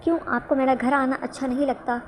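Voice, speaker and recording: A woman's voice: high voice, natural voice. A woman reading the lines of a stubborn, firm young man in a storybook reading, with faint background noise. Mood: casual. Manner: firm, calm. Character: stubborn young man devoted to his love.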